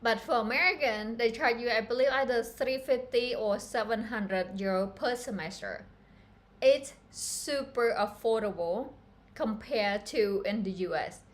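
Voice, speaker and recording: A Cambodian woman who teaches fashion pattern making runs a chatty, earnest live-stream tutorial, addressing her viewers directly. Her voice sits on the high side and moves at a measured pace.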